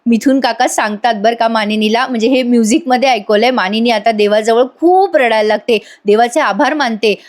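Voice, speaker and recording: A woman's voice: on the high side, brisk, hardly any pauses. A woman recapping a TV serial episode in a voice-over, enthusiastic and speaking straight to viewers. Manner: enthusiastic, addresses viewers directly. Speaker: TV serial reviewer.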